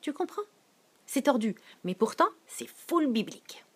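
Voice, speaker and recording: A woman with a Quebec French accent giving a casual, animated sermon, reading and answering viewers' comments as she goes. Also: measured pace, breathy edge. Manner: animated, switching to soft low tones for scripture. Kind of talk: informal live-stream sermon.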